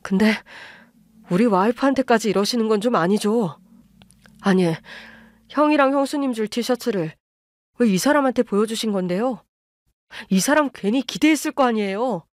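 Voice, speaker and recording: A woman's voice: on the high side, moderate pace, long pauses, no room sound, clean studio sound, close to an everyday voice. A woman voicing a younger son and husband who confronts his mother in wounded anger, in a storybook radio drama. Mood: angry hurt. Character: older male husband, younger son, hurt and angry.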